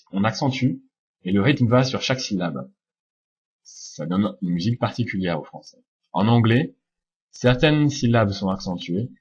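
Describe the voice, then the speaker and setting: A man teaching English pronunciation in French, explaining over slides calmly, with frequent hesitations, slowing down to demonstrate sounds. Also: on the low side, husky, highs cut off. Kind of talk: slide-based lesson narration.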